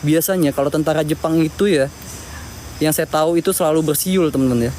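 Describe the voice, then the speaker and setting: Casting: male ghost-hunt vlogger, slightly high voice, repetitive and halting address to viewers, faint night insect noise behind. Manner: repetitive, halting, often addresses listeners directly. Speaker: ghost-hunting vlogger, host. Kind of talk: casual night exploration vlog, talking to viewers. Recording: noisy outdoor night recording with insects.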